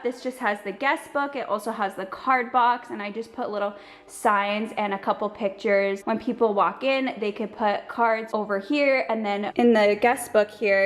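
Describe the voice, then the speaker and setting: A woman's voice: medium pitch, reverberant. A young woman vlogging at home in a chatty, bubbly way, a little out of breath. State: slightly out of breath. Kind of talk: casual vlog talk to camera. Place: family house indoors.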